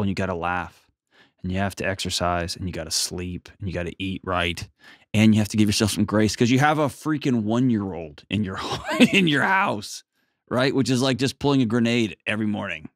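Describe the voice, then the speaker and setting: Low-voiced man giving emphatic, folksy counsel. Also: no room sound, studio quality. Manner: emphatic, folksy, plain-spoken. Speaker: advice show host counseling a caller. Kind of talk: conversational coaching.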